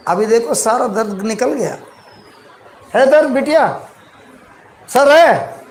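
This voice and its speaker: A man's voice: very high-pitched, animated, takes it slowly. A man preaching and leading a congregation in prayer and praise, exhorting them with laughter and repeated calls. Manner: exhorting, laughing, leads call-and-response. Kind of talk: charismatic sermon leading prayer. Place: large hall with congregation. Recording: echoey hall with crowd noise.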